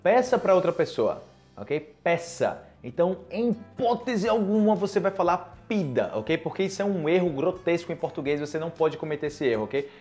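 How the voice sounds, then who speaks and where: Higher-voiced Brazilian man teaching, emphatic. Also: faint music behind. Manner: animated, emphatic, repeats key words slowly, frequent check-in tags. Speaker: Portuguese teacher. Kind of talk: informal language lesson to camera. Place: furnished living room, indoors. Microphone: clip-on lapel mic.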